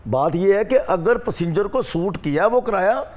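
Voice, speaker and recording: A man, a rickshaw union representative arguing forcefully in a studio debate and insisting on being heard. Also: sits high, animated, normal speed.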